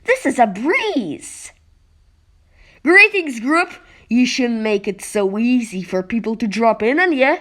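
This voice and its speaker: A woman's voice: fairly high pitch, lively intonation, slow, a bit bright. A woman voicing a brash, wisecracking teenage boy superhero who thinks aloud dramatically in an amateur comic-book dub. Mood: cocky. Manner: brash, talks to himself dramatically.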